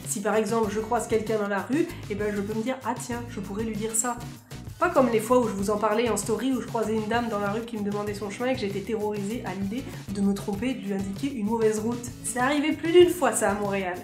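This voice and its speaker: A woman from France, a vlogger, chatting casually to camera in a lively, self-mocking way. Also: fairly high pitch. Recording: echoey room, faint music.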